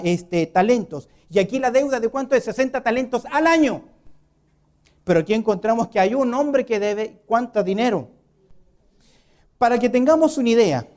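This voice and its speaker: A preacher delivers an emphatic sermon and keeps tossing rhetorical questions to the listeners. The voice rises for emphasis, then sinks low and quiet to drive a point home. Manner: swings between loud lifts and low quiet drops.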